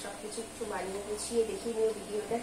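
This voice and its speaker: A middle-aged woman chats in a rambling, hurried way in a casual home cooking vlog, filmed in her kitchen by her husband. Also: mid-range voice, steady tone. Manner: chatty and rambling, admits she talks hurriedly and mixes up words. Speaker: vlogger. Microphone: camera held by her husband at some distance. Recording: roomy, distant and noisy home recording.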